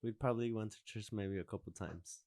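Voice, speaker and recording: In a dry, clean, studio-sounding recording, a podcast host in his twenties chats casually with a lowish, darkish voice and a brisk pace. He tends to ramble and restart his sentences.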